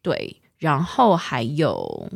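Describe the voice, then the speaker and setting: Woman teacher running a word drill, super expressive pitch, dry close sound. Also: extremely slow, creaky, husky, dry recording. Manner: patient, drills words for repetition. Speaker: English teacher. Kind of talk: bilingual language lesson.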